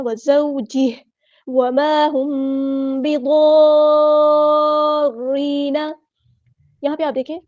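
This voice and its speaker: A woman's voice: sits high, mellow, no echo, highs cut off. A woman teaching Quran recitation rules in a patient, instructive lesson, repeating each word the right way and the wrong way. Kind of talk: tajweed lesson, word-by-word explanation.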